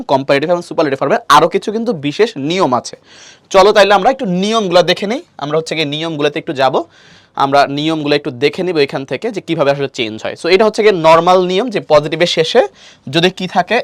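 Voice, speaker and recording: A man leads a recorded prep lecture in a voice that sits slightly high for a man. He walks through each point patiently, poses questions and answers them, and repeats his stock filler phrases. The sound is dry and close, with no room echo. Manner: explanatory, asks and answers his own questions; leans on stock fillers and repetition. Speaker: teacher. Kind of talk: online admission-prep lecture.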